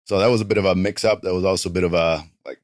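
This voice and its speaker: In a casual studio interview, a South Tyrolean wrestler in his thirties, raised speaking a German dialect and carrying a German-Italian accent, rambles easily and says "like" constantly. He talks low and rapid-fire, captured in a dry, studio-quality recording.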